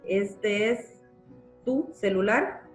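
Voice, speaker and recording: A woman's voice: medium pitch, very slow, soft background music. Patient woman teacher in a roomy room. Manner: patient explaining, frequent tag questions. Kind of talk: live online grammar class. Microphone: computer mic in a live online class.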